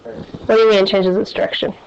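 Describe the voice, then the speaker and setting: A woman's voice: mid-range voice, level tone, quick pace, darkish tone. A woman math teacher lecturing a class and quizzing her students with questions as she goes. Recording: dull, lo-fi classroom recording.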